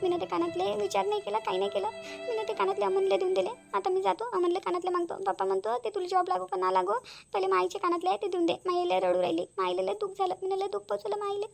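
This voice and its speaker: Woman voicing remorseful cartoon daughter, high, fast, slightly gravelly. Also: level tone, faint music behind, exaggerated voice. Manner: guilty, self-reproaching monologue. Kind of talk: cartoon voice acting.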